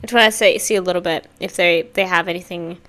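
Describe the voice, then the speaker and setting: A woman giving a casual, campy, sassy music video reaction, gushing and swinging between loud exclamations and hushed asides. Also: lowish voice, steady tone, fast talker. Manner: swings from sudden loud outbursts to near-whispered asides.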